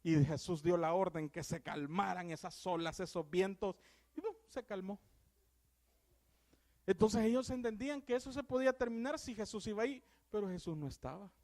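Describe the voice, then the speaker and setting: A young male preacher with a Salvadoran accent delivers a fervent sermon in a fairly high voice. He moves between loud, ringing exclamations and quiet, heartfelt passages, as if speaking from a church pulpit. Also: moderate pace. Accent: Salvadoran Spanish. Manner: swings from loud exclamations to hushed, earnest tones.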